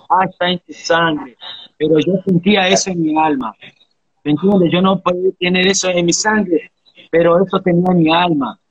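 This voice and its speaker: A man's voice: high voice, gravelly, slightly rough, no room sound, lo-fi sound. A man in his thirties from Brazil, talking earnestly and reflectively in a casual interview, often ending thoughts with a question. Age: 30s. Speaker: interviewee, capoeira practitioner.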